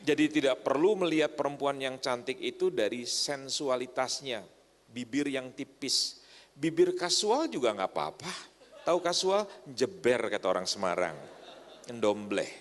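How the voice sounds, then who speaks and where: A man's voice: medium pitch, very animated, unhurried. Man, preacher, joking sermon, keeps asking the crowd to agree, long hall reverb. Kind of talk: humorous sermon to a congregation. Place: church hall.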